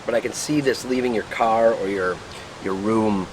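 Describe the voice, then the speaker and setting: A man with a fairly low voice chats through a casual product review, puffing on a pipe as he talks. He muses slowly and lets thoughts trail off. The recording is outdoors, with clear wind and traffic noise around him.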